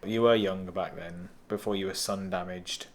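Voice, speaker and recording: A man's voice: sits low, fairly even intonation, normal speed. A man hosting a travel vlog, chatting casually at night in a room with a dry, teasing humor. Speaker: vlogger host. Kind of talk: casual chat.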